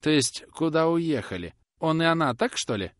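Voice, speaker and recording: A man's voice: on the high side, animated, moderate pace, a bit bright, no room sound, clean studio sound, pitched above the performer's own voice. A man playing a nervous young knife-grinder who pleads and dodges questions in a storybook reading. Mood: evasive. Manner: whining, pleading.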